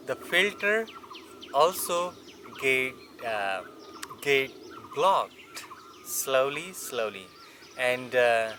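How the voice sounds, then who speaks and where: A man who is a non-native English speaker gives an unscripted yoga lesson as a teacher, halting and searching for words. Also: medium pitch, pushed and bright, a little hiss or hum. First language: not English. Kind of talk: unscripted instructional explanation.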